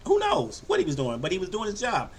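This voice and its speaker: An older man hosting a sports podcast, talking casually and loosely, often slipping into animated quoted voices. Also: high-pitched, quick pace, a little hiss or hum. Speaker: podcast host. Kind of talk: casual sports talk monologue.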